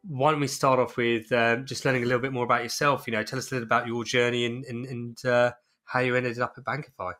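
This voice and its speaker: A man's voice: medium pitch, flat delivery, fast, bright, forceful tone. A man hosting an interview podcast, asking loose questions with repeated words and fillers. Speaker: podcast host.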